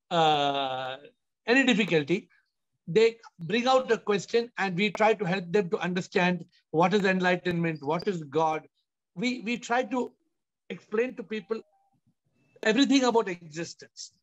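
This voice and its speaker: High-voiced Indian-accented male spiritual teacher. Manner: emphatic, repetitive, rhetorical questioning. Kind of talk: question-and-answer spiritual discourse. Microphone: video call. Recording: dull compressed video call audio.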